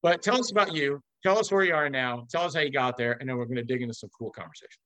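A man's voice: mid-range voice, rapid-fire, a bit bright, no room sound, poor audio. An American man from Los Angeles hosting a casual interview, talking in an expansive, emphatic way. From Los Angeles, USA. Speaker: interview host.

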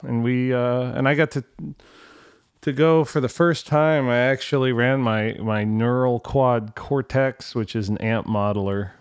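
The voice is mid-range with fairly even intonation, a measured pace, and a clean tone, recorded dry at studio quality. It belongs to a middle-aged man, a podcast host and musician, talking solo and casually from an untreated home room of bare walls and carpet. He's colloquial and a bit salty, wandering off track, breaking into his own sentences, and saying words twice.

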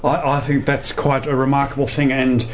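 A man's voice: mid-range voice, flat delivery, moderate pace, slight background noise. A man presenting a radio interview as host.

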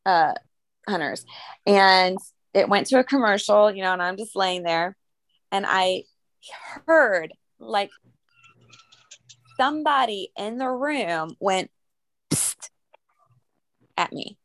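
A woman's voice: mid-range voice, animated, slow, pauses often, no echo. A young adult woman co-hosting a podcast, telling stories in a chatty way with fillers and laughs. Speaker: podcast co-host. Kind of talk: casual chat.

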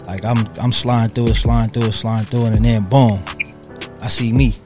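A man's voice: medium pitch, little pitch movement, fairly quick. Laid-back rapper guy chatting easy, slangy, music bumping behind him. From California. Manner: laid-back slangy talk, repeats "you feel me". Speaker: guest rapper. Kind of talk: casual interview chat.

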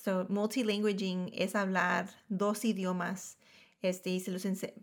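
A woman's voice: medium pitch, little pitch movement, takes it slowly. A woman hosting a casual conversation, switching between Spanish and English mid-sentence in Spanglish. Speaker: podcast host, dental professional.

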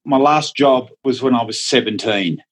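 This Australian man, a Dutch speaker, chats loosely as a guest painter in an interview. His mid-range voice moves at a moderate pace, and he rambles and hesitates, often opening with "look."

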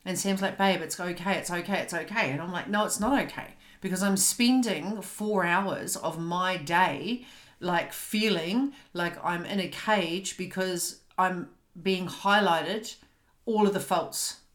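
A woman's voice: on the low side, measured pace, fairly bright tone. A woman hosting a podcast from home, talking candidly and often stopping to search for words. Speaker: podcast host. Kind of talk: casual chat. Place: home, on a couch. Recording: roomy echo.

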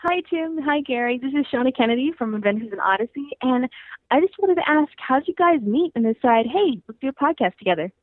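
A woman leaving a quick, friendly voicemail for two podcast hosts. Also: high-pitched, lively intonation, no room sound. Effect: leaving a voicemail over the phone. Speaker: caller. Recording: tinny dry phone line.

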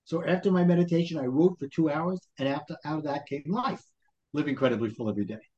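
A man's voice: fairly high pitch, quick pace, a little mellow, lo-fi sound. A man with a Brooklyn accent explaining things as a life coach in an interview, motivational, posing questions and voicing people's self-talk. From Brooklyn, New York. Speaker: life coach, podcast guest.

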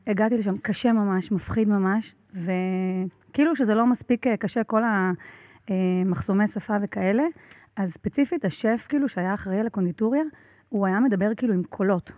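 Woman guest, casual storyteller, lively, many fillers, dry muffled lo-fi sound. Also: mid-range voice, no echo. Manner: animated, laughs often, many fillers. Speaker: podcast guest.

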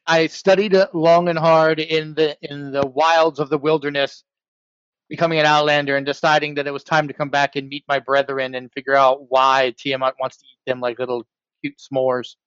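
Higher-voiced male gamer, dry muffled sound. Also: little pitch movement, moderate pace, fairly bright tone, smooth, no echo. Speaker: tabletop game player. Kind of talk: casual game-table chat.

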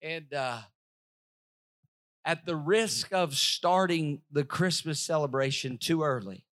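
Pastor guy preaching slow and emphatic, kinda high voice, quiet music under him. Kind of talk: sermon.

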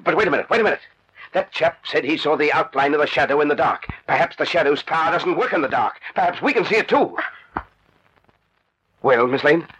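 An actor playing a brisk, blustery, anxious police commissioner in an old radio drama. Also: male voice, a little high. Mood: relieved, puzzled. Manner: brisk, excitable. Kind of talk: vintage radio drama acting. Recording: muffled, noisy old radio drama recording.

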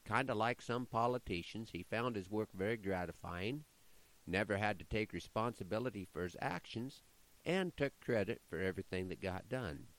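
Lowish-voiced folksy rural American man. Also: moderate pace, a bit bright, poor audio. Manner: folksy, wry. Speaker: radio host and rancher. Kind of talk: folksy scripted storytelling.

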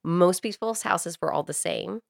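Unhurried and gravelly, the co-host's voice sits on the low side as she swaps personal stories in casual, candid podcast talk, swearing at times. She is American, from Saudi Arabia, and grew up with a US family on a compound. The recording is dry and clean, studio sound.

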